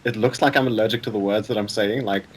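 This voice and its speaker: A man's voice: on the low side, fairly even intonation, fast, slight background noise, poor audio. A young man co-hosting a podcast, chatting casually in a laid-back, slangy way. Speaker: podcast co-host. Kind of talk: casual chat.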